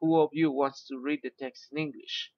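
A man teaching an English class online, speaking slowly, mixing Spanish and English, and often saying "ok". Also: mid-range voice, fairly even intonation, a crowd in the background. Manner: switches between Spanish and English, slow and careful, repeats "ok". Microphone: video call. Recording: dull lo-fi video call audio.

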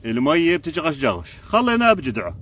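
A man's voice: a little high, huge pitch swings, fast talker, a bit bright, muffled recording, slight background noise. A man with a Jordanian Arabic accent chatting casually on a live stream while foraging outdoors in a forest, keeps pointing things out to the viewer.

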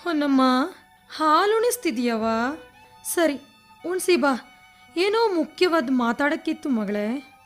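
An actress playing an older village mother-in-law who pleads slowly and tearfully in rustic dialect, in a radio drama. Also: high voice, sing-song, soft background music. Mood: tender.

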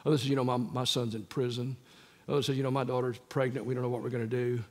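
Animated older preacher in a big hall. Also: male voice, medium pitch, quick pace. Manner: animated storyteller acting out quoted voices. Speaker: guest preacher and former counselor. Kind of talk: storytelling sermon. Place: large church sanctuary. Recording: long reverb of a large church hall.

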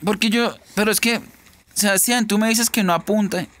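A man's voice: high-pitched, steady tone, normal speed, a bit bright. A man learning a mobile shooter game, panicking and exclaiming as he plays. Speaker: novice player. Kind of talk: excited gaming chat.

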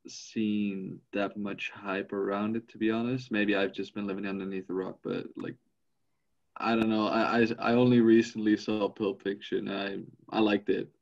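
Dutch-raised student in his twenties, halting, gravelly low voice, muffled call audio. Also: steady tone. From Netherlands. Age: 20s. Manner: hesitant, lots of restarts. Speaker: fourth-year student. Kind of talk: casual video call chat. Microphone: headset on a video call. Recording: dull lo-fi video call audio.

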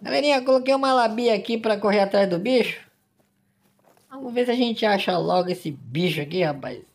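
A man's voice: high-pitched, animated, fairly quick. A man, hosting a gaming channel and giving overexcited, exclamatory commentary on a hunting game. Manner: exclamatory, emotional, fills lines with "rapaz".

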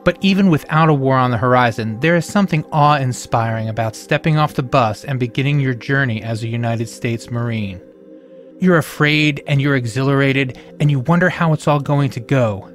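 A man hosting a podcast, reading scripted documentary narration in a measured, solemn way with emphatic rises. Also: medium pitch, soft background music.

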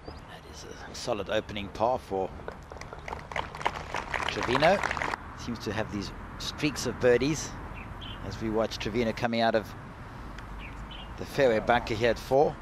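Guy doing live golf commentary, kinda low voice, really noisy outdoor course behind him. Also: unhurried, pauses often. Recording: loud outdoor noise, crowd behind. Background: loud outdoor course ambience.

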